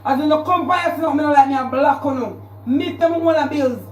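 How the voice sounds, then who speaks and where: A Jamaican woman with a high voice delivers a heated livestream rant, circling back over the same points as she calls someone out. She sounds roomy, picked up by a phone mic from a few steps away. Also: fairly quick, recorded from a distance. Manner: confrontational, repetitive, calling out a rival. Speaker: social media livestreamer.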